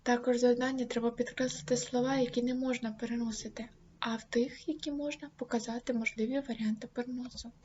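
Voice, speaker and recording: A woman teacher giving a grammar lesson, saying example words slowly and deliberately. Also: flat delivery, darkish tone. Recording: dull low-fi recording, faint noise.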